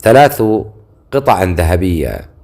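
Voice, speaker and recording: A man's voice: medium pitch, lively intonation, quick pace, fairly bright tone, close to an everyday voice. A man doing a cold greedy driver. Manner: cold, curt.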